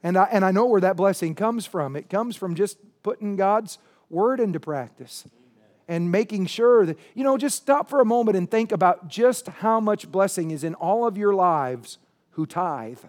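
A pastor in his late thirties preaches in a church sanctuary, emphatic yet conversational, tossing asides to the congregation. His high voice has a darkish tone and he speaks animatedly at a normal speed.

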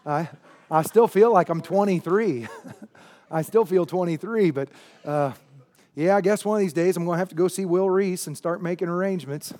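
Standing in the church sanctuary, a male pastor in his late thirties delivers his sermon at a normal speed with a high-pitched, darkish voice. He's emphatic but conversational, often turning to address the congregation directly.

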